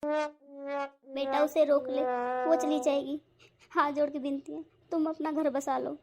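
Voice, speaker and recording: A woman's voice: high voice, flat delivery, a little slow, over loud music. A woman voicing a sick, frail old mother-in-law who coughs and pleads tearfully in a cartoon. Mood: anxious. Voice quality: coughing, soft weak voice. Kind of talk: cartoon voice acting.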